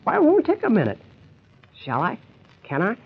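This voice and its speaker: An actor playing an exasperated, scheming husband, bossy and impatient, in the style of old-time radio comedy. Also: male voice, high-pitched, huge pitch swings, normal speed, vocal fry, breathy edge, exaggerated voice. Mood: eager, insistent. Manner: impatient, bossy, hushing and cajoling. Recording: dull, lo-fi old radio recording.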